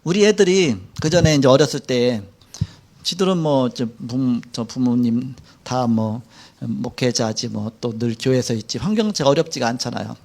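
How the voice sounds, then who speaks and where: A man's voice: medium pitch, moderate pace, vocal fry, darkish tone. A middle-aged man preaching a sermon in a church. He speaks colloquially and animatedly, acting out quotes. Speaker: pastor. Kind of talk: sermon lecture.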